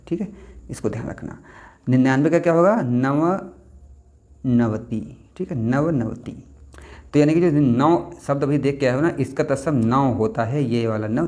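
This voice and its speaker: A man's voice: medium pitch, a little mellow. A young man teaching a Hindi exam-prep lesson in a casual, explanatory way, repeating words and putting questions to his students. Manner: repeats words and asks the class questions, slipping in "theek hai".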